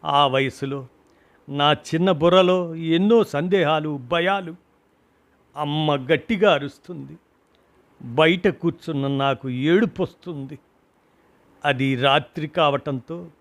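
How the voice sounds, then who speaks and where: A man's voice: a little high, slow, pauses often. A man reading a grieving husband's story of loss, emotional and rising to cries at the peaks, in a storybook reading. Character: grieving husband recalling his mother's death.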